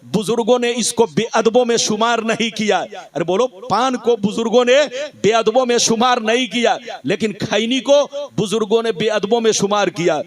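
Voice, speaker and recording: A man preaching a fiery sermon on a conference stage into a microphone, urging the crowd to call back and chanting scripture in a sing-song recitation. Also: high-pitched. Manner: exhorting, repeatedly urging the crowd to shout back.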